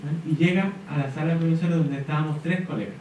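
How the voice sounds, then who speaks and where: A middle-aged man speaks to an audience, an animated storyteller who voices the people in his story. His voice sits a little high and reaches the mic from far off. The sound rings in a large echoey hall with faint background noise. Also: quick pace. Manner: animated storyteller, acts out quotes. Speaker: speaker at an education panel.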